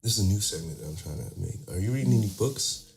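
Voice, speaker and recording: A man's voice: on the low side, sing-song, quick pace, creaky, a little mellow, soft background music. A man hosting a podcast who chats casually with his guest in short, laid-back replies. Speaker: podcast host. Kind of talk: casual interview chat.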